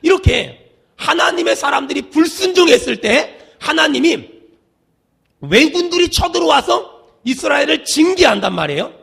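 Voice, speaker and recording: Male pastor, middle-aged, bright and lively delivery, shouted refrains and hushed asides. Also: extremely high pitch, normal speed, gravelly. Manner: preaching with call-and-response, swinging from loud shouts to hushed asides. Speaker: senior pastor. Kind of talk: sermon.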